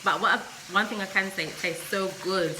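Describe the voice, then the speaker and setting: A woman's voice: mid-range voice, normal speed, reverberant. Lady doing a casual vlog, chatting to viewers, noisy home video with food frying behind her. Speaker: vlogger. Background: food frying and sizzling.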